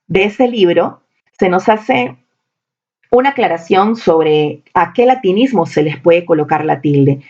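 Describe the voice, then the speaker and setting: A woman's voice: medium pitch, warm tone, dull audio. A woman teaching a recorded spelling lesson, stressing points by repeating key words.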